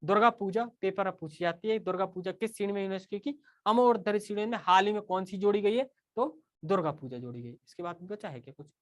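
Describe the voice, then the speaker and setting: A man's voice: high-pitched, fast. A man teaching a casual live online class, talking straight to his students and often checking in with "okay".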